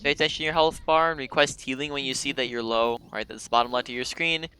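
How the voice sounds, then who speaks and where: Bright, clear-voiced male game coach. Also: mid-range voice, steady tone, fast talker. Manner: explains patiently, often checks in with "right?". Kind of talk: casual one-on-one coaching.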